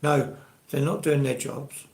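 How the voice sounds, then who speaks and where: A man's voice: on the high side, unhurried, darkish tone. A man in his sixties with an English accent, chatting casually and ramblingly as he hosts a live stream. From England. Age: 60s. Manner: rambling, conversational. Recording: roomy, echoey live stream.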